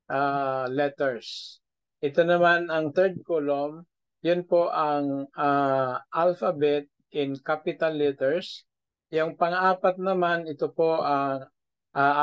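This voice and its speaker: Slow, patient Filipino pastor teaching. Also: male voice, on the high side, smooth, low-quality recording. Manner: slow, patient, asks "no?" after points. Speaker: pastor teaching Biblical Greek. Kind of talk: online class lecture. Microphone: video call.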